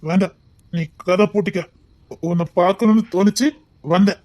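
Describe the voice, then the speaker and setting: A woman's voice: mid-range voice, fairly even intonation, normal speed, a little mellow, lightly acted. A woman with a Tirunelveli Tamil accent voicing a heartbroken, drunk young man who stammers and pleads. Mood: despairing. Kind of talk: amateur dramatic dialogue.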